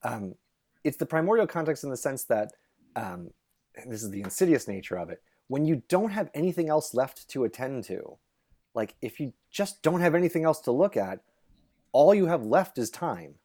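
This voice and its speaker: A man's voice: medium pitch, big pitch swings, normal speed, a little mellow. A man, a researcher guest, explaining ideas conversationally and animatedly, with many restarts and voices put on for quotes.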